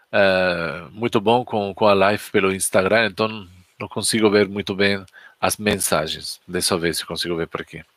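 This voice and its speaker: A man who is a teacher, talking to viewers during a live-stream lesson, thinking aloud with pauses and restarts. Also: lowish voice, a bit bright, no room sound. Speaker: Spanish teacher.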